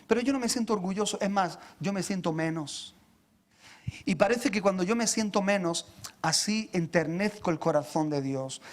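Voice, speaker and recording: A man's voice: high voice, normal speed. A man, a pastor preaching an impassioned sermon who calls his listeners brothers and stumbles over repeated words as he presses his point.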